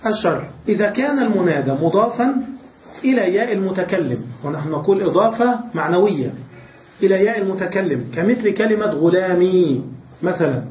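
High-voiced man teaching in an echoey room. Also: lively intonation, a little fast, slight background noise. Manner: methodical, repeats examples and checks understanding. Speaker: grammar teacher. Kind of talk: classroom lesson. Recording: echoey, distant, dull lo-fi recording.

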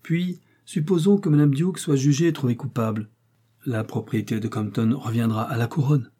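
A man reading an audiobook aloud and voicing a fierce, domineering brigand baronet who barks impatient questions, in a husky, dark voice. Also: mid-range voice, normal speed, pitched above the performer's own voice, lightly acted. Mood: cold. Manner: harsh, impatient, barking questions.

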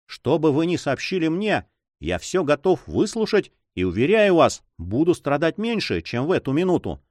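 A man voices an eager young nobleman in love, pleading impatiently. His mid-range voice swings widely in pitch at normal speed, pitched above his own yet close to an everyday voice. The recording is dry and studio quality.

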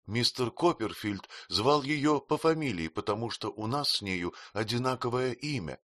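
A man's voice: mid-range voice, expressive, moderate pace, fairly bright tone, no room sound, studio quality, pitched above the performer's own voice, lightly acted. A man voicing a timid, frail young mother who speaks faintly and hesitantly.

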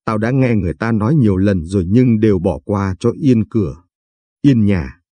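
Man voicing an angry old father-in-law, storybook reading, scolding tirades, low husky voice. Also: lively intonation, normal speed, warm tone, dry recording. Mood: furious. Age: older. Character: hot-tempered elderly father-in-law, scolding.

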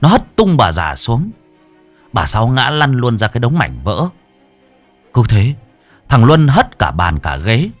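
A man narrating a dark story in a vivid, emphatic storytelling style. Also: medium pitch, huge pitch swings, measured pace, long pauses, no room sound, soft background music. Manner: vivid, emphatic, rising with the action. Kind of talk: dramatic horror-story narration.

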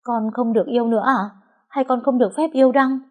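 A woman's voice: fairly high pitch, steady tone, fast talker, pitched above the performer's own voice, natural voice. A woman voicing a young woman who pleads tearfully and stands up to her father. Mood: defiant. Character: young woman, desperate and defiant lover.

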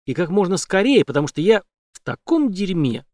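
A man's voice: big pitch swings, a little fast, darkish tone, dry recording, studio quality. A man voicing a desperate, defiant young woman in danger, speaking tensely in a raised voice. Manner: tense, pleading, higher voice.

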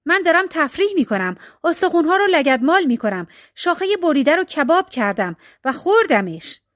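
A shrill, menacing old witch from a storybook, voiced by a woman reader. She gloats and threatens with a high, swooping voice, recorded dry and close. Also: very animated, dry recording. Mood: gloating. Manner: menacing, shouting. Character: greedy cruel old witch, Baba Yaga.

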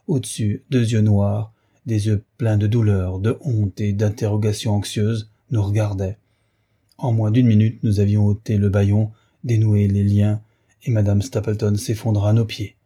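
A man giving a grave, measured narration of a novel as an audiobook. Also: fairly low pitch, level tone, dark tone, breathy edge. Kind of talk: scripted narration.

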